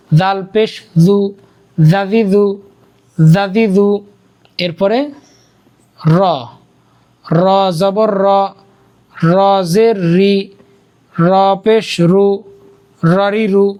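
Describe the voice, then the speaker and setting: A Quran reading teacher leading a slow drilling lesson on Arabic letters, patiently spelling out each sound and repeating it. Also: mid-range voice, steady tone, warm tone.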